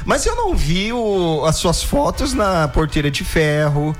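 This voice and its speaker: A man's voice: high-pitched, very animated, a little slow, soft background music. Brazilian man, wildly swooping comic radio banter. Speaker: radio co-host and clown. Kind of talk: casual comedic radio banter.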